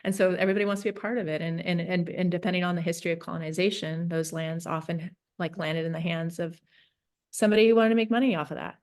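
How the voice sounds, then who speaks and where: A woman from Northern California, a peacemaker and facilitator, talking through her thoughts in an interview with many pauses and restarts. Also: lowish voice, steady tone, a little mellow. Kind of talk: reflective interview talk.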